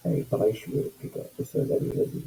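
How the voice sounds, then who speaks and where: A man's voice: fast, mellow, poor audio. A man giving casual, sarcastic commentary on news items and comments, with mocking asides.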